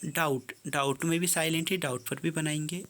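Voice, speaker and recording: Working through a worksheet one step at a time, a teacher reads every English prompt slowly and then puts it in plain terms. The voice is medium-pitched and steady, with a slightly bright tone.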